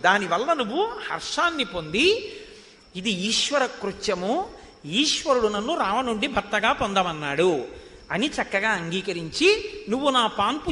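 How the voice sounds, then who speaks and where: A man's voice: sits high, pushed and bright, full character voice. Ravana, a bragging demon king, as a male preacher puts him on. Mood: coaxing. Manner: bragging list of conquests. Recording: long hall reverb.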